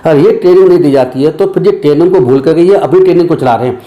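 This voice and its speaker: A man's voice: a little high, rapid-fire, reverberant, muffled recording. A man, a former judge, speaking in a news interview in an indignant, emphatic way, full of rhetorical questions.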